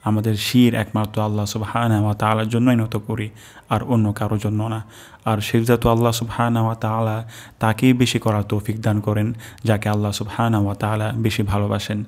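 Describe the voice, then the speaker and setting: A man teaching the correct pronunciation of a prayer, slowly repeating each syllable in careful drills. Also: on the low side, monotone, darkish tone. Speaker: Quran recitation teacher. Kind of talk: religious pronunciation lesson.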